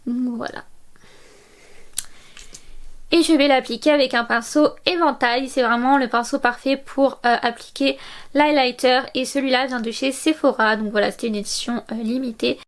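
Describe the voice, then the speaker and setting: High-pitched chatty young woman vlogger. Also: steady tone, moderate pace. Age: 20s. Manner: chatty, many fillers, enthusiastic about products. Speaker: beauty vlogger. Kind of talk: makeup tutorial narration.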